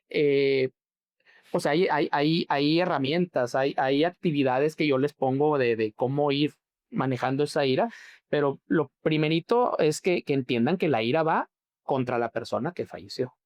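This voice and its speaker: A man's voice: fairly high pitch, normal speed, lo-fi sound. Mexican man explaining grief therapy. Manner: explanatory, checks understanding often. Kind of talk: interview answers.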